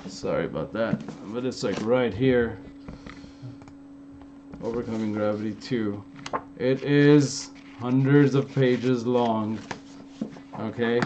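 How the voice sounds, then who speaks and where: A mid-range male voice, slow and often pausing, belongs to a young Los Angeles man with an Armenian-influenced American accent. He answers live chat in a casual stream Q&A, rambling loosely with fillers and restarts. Sound quality: slightly dull lo-fi stream audio with faint background noise.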